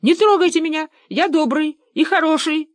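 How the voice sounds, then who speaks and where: Reader doing tiny whiny male tyrant for an audiobook, very high squeaky pleading, dry mic. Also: normal speed, no room sound, lightly acted. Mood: squealing. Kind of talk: audiobook narration.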